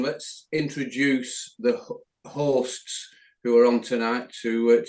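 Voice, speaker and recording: A man's voice: mid-range voice, low-quality recording. Chatty Northern English man hosting. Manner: rambling, chatty. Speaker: podcast host. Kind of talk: casual chat.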